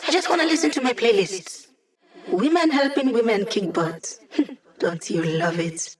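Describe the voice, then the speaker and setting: A woman's voice: a little high, lively intonation, unhurried. An actress playing an upbeat, wry female hacker who gives a squad mission support in a video game, with playful, teasing, casual delivery.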